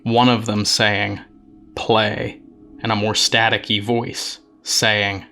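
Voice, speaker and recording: A man giving an even, explanatory voice-over while reviewing investigation footage. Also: lowish voice, slow, noisy background. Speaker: narrator.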